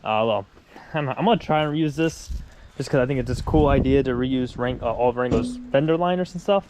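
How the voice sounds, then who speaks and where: A vlogger takes apart his wrecked race car while narrating casually, rambling and correcting himself as he goes. He sounds congested after being sick, with a mid-range voice, a slightly fast pace and a noisy background.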